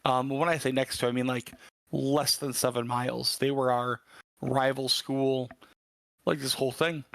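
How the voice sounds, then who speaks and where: Bright-voiced man telling a rambling story. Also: mid-range voice, vocal fry, dry recording. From Michigan, USA. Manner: rambling, many fillers, casual swearing. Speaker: podcast guest. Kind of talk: casual storytelling chat.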